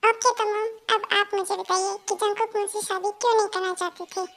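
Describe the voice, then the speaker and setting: A woman voicing a bold, teasing young newlywed wife in a fan audio story, high-pitched and playfully sarcastic. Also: level tone, a little fast, a bit bright. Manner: cheeky, playful, sweetly sarcastic.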